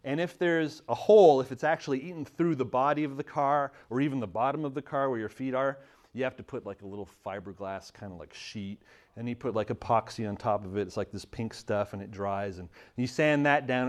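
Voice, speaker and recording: Man, 30s, from Montreal, casual storyteller, lively and laughing, mid-pitched voice. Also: brisk. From Montreal, Canada. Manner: animated, laughing, many restarts.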